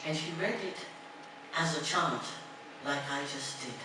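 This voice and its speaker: An older woman from Ghana speaks at an unhurried pace from a podium in a large wood-panelled lecture hall. She is heard from afar through a booming echo, with a steady noise underneath. Her talk moves from rhythmic chanting to reflective storytelling. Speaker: alumni speaker. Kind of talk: lecture with recited poem. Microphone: podium mic, recorded from a far camera. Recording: distant, very echoey hall recording with noise.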